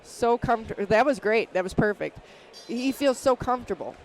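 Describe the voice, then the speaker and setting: A woman's voice: on the high side, animated, moderate pace. A woman giving conversational colour commentary and analysis on a live fight. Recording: loud crowd behind.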